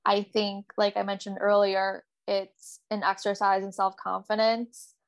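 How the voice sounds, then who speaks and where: A woman's voice: medium pitch, completely flat delivery, a little slow. A young woman co-hosting a podcast, telling a story in casual chat with lots of filler words. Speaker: podcast co-host.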